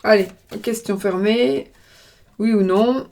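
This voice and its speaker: A woman's voice: medium pitch, slow pace, gravelly, darkish tone, a little hiss or hum. A woman with a regional French accent reading tarot cards in a casual vlog, talking hesitantly while chewing gum. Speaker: tarot card reader.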